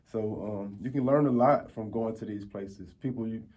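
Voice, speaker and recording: A man's voice: fairly low pitch, normal speed, dull audio. A man, talking casually in street slang as an interview guest. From Tampa, Florida, United States. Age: 40s. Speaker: interview guest, food reviewer. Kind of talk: casual conversational storytelling.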